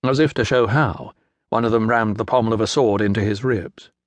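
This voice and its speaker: A man narrating a historical novel as an audiobook, reading in a measured, even way. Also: on the low side, no room sound. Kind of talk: scripted narration. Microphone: close studio mic.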